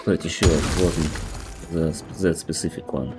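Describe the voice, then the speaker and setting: Casual gameplay commentary comes from a man with a very deep voice and a Russian accent, Russian being his native language. He talks thoughtfully at normal speed in a steady tone, frequently restarting sentences, against a noisy background.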